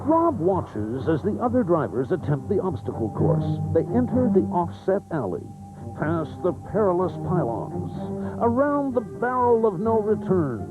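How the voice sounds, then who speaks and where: A male TV host narrates in a playful, punning way. His voice sits high and leaps around a lot, heard through a thin, narrow recording with loud music under it. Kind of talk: scripted TV narration.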